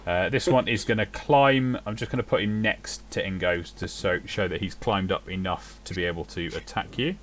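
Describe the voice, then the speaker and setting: Low-voiced man running a tabletop game. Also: normal speed, hardly any pauses, a little hiss or hum. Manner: relaxed, matter-of-fact narration of rolls. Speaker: game master.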